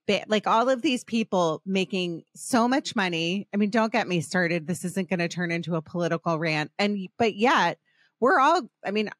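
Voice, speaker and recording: A woman's voice: medium pitch, expressive, moderate pace, no room sound, studio quality. A middle-aged woman hosting a podcast in casual chat, rambling and passionate, often restarting her sentences. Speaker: podcast host.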